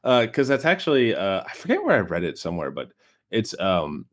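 A deep-voiced man with an American West Coast accent talks a little fast, his pitch swinging hugely. Co-hosting a podcast, he chats casually about a film and rambles, full of fillers and restarts.

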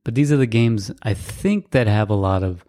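With a fairly low, mellow voice at a normal pace, this man co-hosts a relaxed podcast. He chats in a dry, easygoing, meandering way, using lots of filler words.

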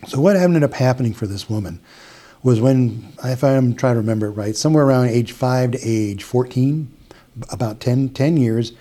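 The guest, a middle-aged hypnotist with an Upper Midwest American accent, casually recounts a client story in an interview, his warm, mellow voice at medium pitch and normal speed. He's relaxed and chatty, often restarting phrases and playing out bits of dialogue.

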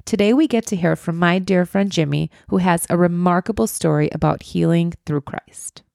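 A woman co-hosting a casual faith podcast, retelling a parable with lively, playful character voices. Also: fairly low pitch, normal speed, creaky, no room sound, clean studio sound. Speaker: podcast co-host.

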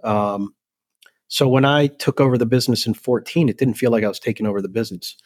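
An older man from El Salvador, a company president talking as a guest in a relaxed, rambling way with many ums and restarts. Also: mid-range voice, fast talker, breathy edge. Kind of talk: casual interview chat.

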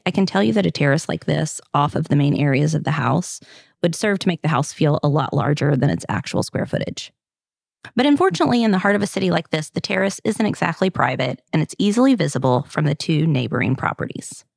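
A woman's voice: low-pitched, gravelly, no echo, clean studio sound. A woman with a Southern Kentucky accent, hosting a podcast and narrating in a chatty, upbeat way with jokes. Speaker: podcast host. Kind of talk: casual scripted narration.

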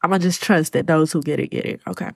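A woman hosting her own podcast, talking to her listeners in a halting, choked-up way and close to tears. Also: sits low, no echo. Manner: speaks to listeners as y'all. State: tearful. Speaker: podcast host. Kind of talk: personal solo podcast talk.

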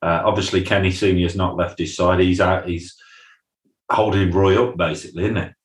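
A man's voice: deep voice, fairly even intonation, moderate pace. A man, co-hosting a podcast and chatting casually through a recap, often acting out lines from scenes. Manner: chatty, quotes scenes in funny voices. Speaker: podcast co-host. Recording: roomy echo.

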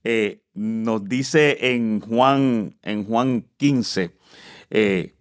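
A man speaking slowly and haltingly in a devotional podcast talk, pausing and restarting as he reads from the Bible. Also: on the low side. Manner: slow and halting, with many pauses and restarts.

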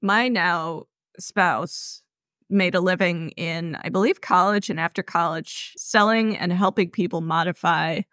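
A woman's voice: lowish voice, measured pace, a bit bright, dry recording. A woman co-hosting a casual podcast chat in a dry, matter-of-fact way. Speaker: podcast co-host.

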